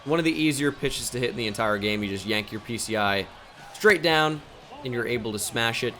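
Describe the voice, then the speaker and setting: A young man giving live commentary on a baseball video game, quickly flipping between frustration and joking at himself. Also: mid-range voice, a little hiss or hum. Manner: excitable, swings between frustration and self-mockery. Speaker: gaming channel host.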